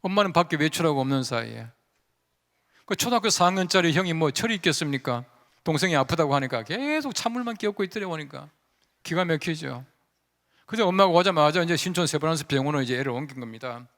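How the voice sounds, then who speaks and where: A man's voice: on the high side, quick pace. A male pastor telling a story in a conversational sermon and leading his congregation in call-and-response. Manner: conversational, animated storyteller who acts out quoted voices. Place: large church sanctuary. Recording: reverberant church sanctuary.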